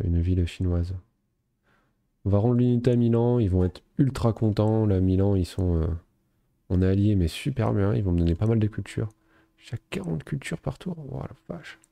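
Man, let's play commentator, low gravelly voice, dark dry close sound, relaxed thinking aloud. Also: no room sound. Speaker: gaming video host.

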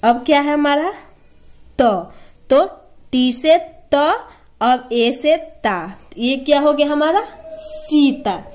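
A woman with a high voice gives a patient, step-by-step spelling lesson. She speaks slowly, repeating each sound and answering her own questions as she goes. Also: expressive, a little mellow. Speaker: teacher.

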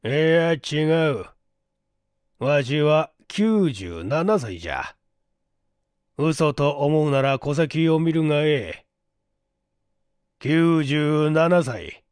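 An actor playing a shrewd, shabby 97-year-old man who talks in slow, folksy old-man speech in an audiobook drama. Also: on the high side, expressive, darkish tone, clean tone, no room sound, studio quality. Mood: boastful.

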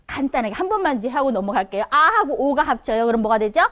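A woman's voice: high-pitched, very animated, very fast, fairly bright tone. A woman teaching a Chinese conversation class online for seniors. She asks questions and answers them herself, and she swings her voice up and down to show the sounds.

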